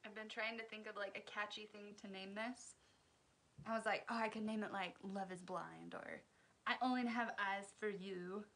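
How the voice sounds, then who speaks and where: A woman talks through a makeup tutorial from her home, streamed live. She chats loosely and cracks jokes at her own expense. Her voice sits at an ordinary middle pitch. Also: fairly even intonation, normal speed, vocal fry, a bit bright. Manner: chatty, joking, laughs at her own jokes. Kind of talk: casual livestream makeup tutorial.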